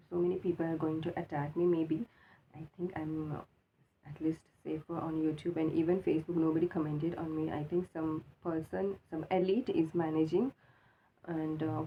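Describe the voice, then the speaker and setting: A woman with an Indian accent giving a casual, halting, unscripted opinion monologue, repeating herself for emphasis, just awake with a swollen mouth. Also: lowish voice. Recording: tinny phone-like sound with faint noise.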